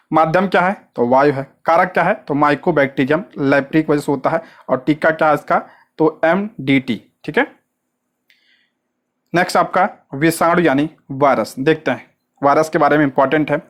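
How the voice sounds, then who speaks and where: A coaching teacher delivering an exam-prep lecture in a steady middle register. The delivery runs in a question-and-answer rhythm, each point posed and answered straight away, with frequent short check-ins and repeated stress on what matters. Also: mid-range voice. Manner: asks rhetorical questions and answers them at once.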